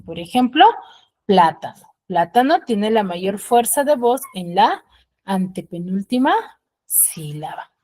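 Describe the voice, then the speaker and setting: A fairly high-voiced woman teaches over a video call, speaking slowly and carefully. She keeps checking that her students understand before moving on. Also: a little mellow. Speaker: schoolteacher. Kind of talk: online class explanation.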